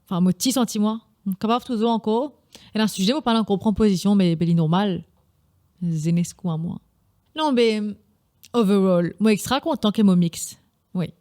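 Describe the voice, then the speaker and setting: A woman's voice: mid-range voice, moderate pace, warm tone. A young woman with a Mauritian Creole accent hosting a casual solo podcast, chatty and often slipping in English phrases. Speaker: podcast host.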